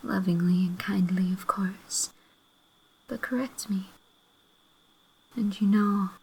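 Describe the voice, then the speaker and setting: Woman as a slow, breathy whispering girlfriend making up, whispered role-play. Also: medium pitch, exaggerated voice, low-quality recording. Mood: tender, apologetic. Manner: gentle, reconciliatory, making up tenderly. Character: loving, apologetic girlfriend making up after a fight.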